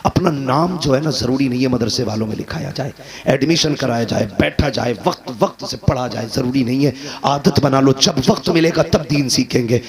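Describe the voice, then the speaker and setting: A man preaching a sermon, rising to loud emphatic peaks and then dropping low. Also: moderate pace. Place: gathering with a live crowd. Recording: crowd responding audibly.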